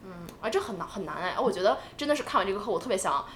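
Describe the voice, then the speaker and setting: A woman co-hosting a podcast in casual chat, animated and talking in quick bursts with restarts. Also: medium pitch, reverberant, slight background noise. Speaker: podcast co-host.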